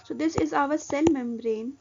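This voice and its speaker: Indian woman teacher, pretty high voice, goes step by step and restates stuff, slightly lo-fi audio. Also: normal speed, creaky, background noise. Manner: methodical, repeats and restates points. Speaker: biology teacher. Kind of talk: lesson narration.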